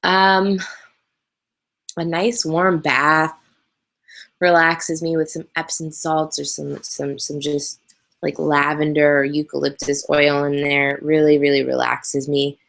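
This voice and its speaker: Speaking slowly and flatly, this young woman from Canada has a low, creaky voice that's a bit bright. She's chatty and candid as she takes viewer questions in a casual live hangout on her webcam, with frequent ums and easy laughter.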